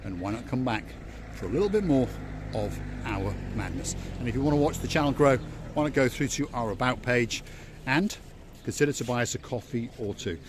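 A man's voice: medium pitch, lively intonation, a little fast. An older man hosting a casual walking vlog outdoors by a harbour, joking and chatting like a tour guide into a handheld phone. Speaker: vlog host. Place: outdoors by a seaside harbour promenade. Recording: faint outdoor noise.

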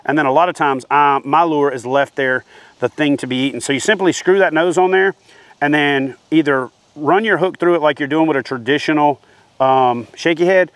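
A man in his forties teaches fishing technique outdoors beside a shed, talking steadily as he demonstrates with his hands. His voice sits a bit high for a man. The lapel mic keeps the sound close and dry. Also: moderate pace, dry recording. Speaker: fishing instructor. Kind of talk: instructional talk to camera.

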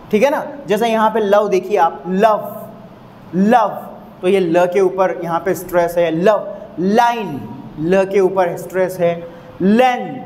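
Speaking with a Hindi accent, a man teaches his students an English literary term in a high-pitched, mellow voice. He is repetitive and emphatic, slowly drawing out the example sounds. The recording quality is low.

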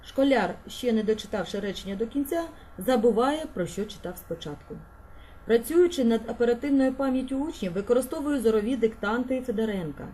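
A woman primary school teacher speaking calmly and precisely, explaining her methods and guiding a class through reading drills. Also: on the high side, a little fast, slight background noise, poor audio. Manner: calm, precise, instructive.

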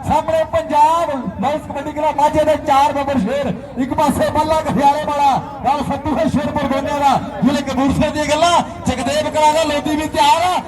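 A man's voice: very high voice, little pitch movement, fairly quick, few pauses. A man giving frantic rural sports commentary on kabaddi, chanting names and repeated rhyming phrases. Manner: chanting, repetitive rhyming phrases and lists of players. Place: outdoor village sports ground. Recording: echoey outdoor PA, distant, crowd noise.

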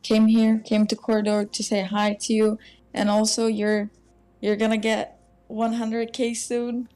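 A young university student chatting casually on a video call from an echoing dorm corridor, hedging with "I mean". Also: female voice, fairly high pitch, monotone, measured pace, warm tone, clean tone. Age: young adult. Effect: hallway echo around the voice. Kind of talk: casual chat.

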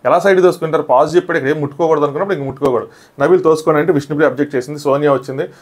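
A man recapping a reality show episode in casual commentary, rushing through events and briefly acting out quoted lines. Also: a little high, steady tone.

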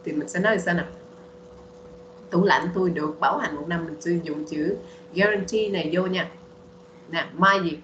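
A woman's voice: fairly low pitch, normal speed, pauses often, fairly bright tone, echoey room, highs cut off, a little hiss or hum. A woman teaching English on a video call, patiently repeating words for students to practice. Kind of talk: online bilingual English lesson.

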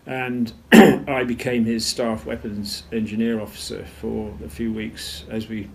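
An older man recalls events at a measured storytelling pace in an interview, often clearing his throat. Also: lowish voice, level tone. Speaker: retired naval officer interviewee. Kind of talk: interview recollection.

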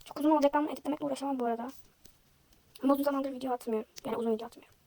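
A young woman vlogger chatting casually while she draws, self-deprecating and thinking aloud, her voice slightly hoarse from a sore throat. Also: high-pitched, fairly even intonation, rapid-fire, a little mellow. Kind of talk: casual chat while drawing.

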